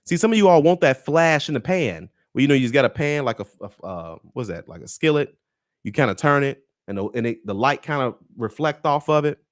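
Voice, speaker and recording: A man's voice: medium pitch, very animated, brisk, no echo, studio quality. An American man giving an emphatic, direct motivational talk as a finance coach, repeating key phrases and putting rhetorical questions to his listeners. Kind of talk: motivational talk to online viewers.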